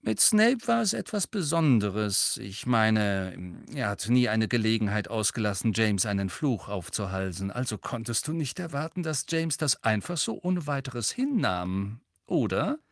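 A man reading an audiobook, voicing a calm, firm grown teacher who speaks slowly and turns stern. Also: fairly low pitch, vocal fry, no room sound, studio quality, heavily acted. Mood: measured. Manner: slow and measured, turning stern.

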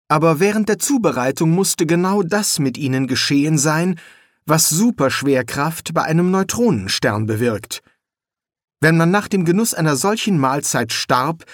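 A man narrating a fantasy audiobook in an expressive reading. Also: medium pitch, dry recording, studio quality. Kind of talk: scripted narration.

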